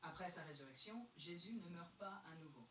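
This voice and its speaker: A man's voice: fairly high pitch, brisk, noisy background. Synthetic male AI assistant voice, roomy. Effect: synthetic AI assistant voice played from a device. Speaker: AI chatbot answering questions. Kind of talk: even, formal explanatory reading.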